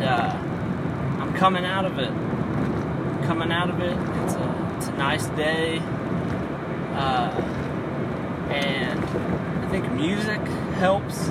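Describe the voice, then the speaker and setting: A man hosting a casual solo podcast from inside his car, rambling hesitantly and searching for words. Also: fairly high pitch. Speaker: podcast host. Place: inside a car, on the drive home. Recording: loud car and road noise. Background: car and road noise.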